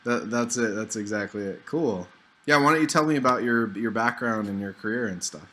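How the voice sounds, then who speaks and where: A man with a lowish voice, speaking fairly quickly, hosts his developer YouTube channel and chats on a video call. After a lively introduction he relaxes and rambles somewhat.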